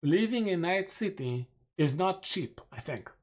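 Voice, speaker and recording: A Romanian-accented male streamer chats casually through his community poll results, cracking self-mocking jokes. His voice sits high and sounds animated, and he takes his time.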